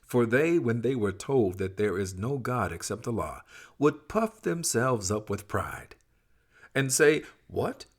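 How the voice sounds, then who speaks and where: A man reads scripture from a script, reciting it in a solemn, emphatic, dramatic way. His medium-pitched voice is very animated and a little slow.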